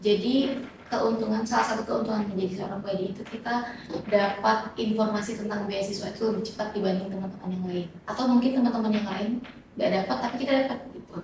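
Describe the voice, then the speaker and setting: A woman in her twenties, a guest speaker, explaining her experiences in a friendly, unhurried way with many hesitant fillers. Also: medium pitch, a little mellow, slight background noise. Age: 20s. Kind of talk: casual interview answers. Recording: very echoey room, voice from far off.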